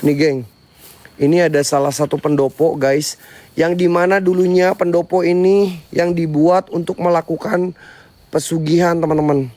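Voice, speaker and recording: A man's voice: fairly high pitch, flat delivery, normal speed, dark tone. A young man live-streaming a ghost hunt, jumpy and calling out to spirits while muttering prayers under his breath. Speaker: paranormal explorer streamer.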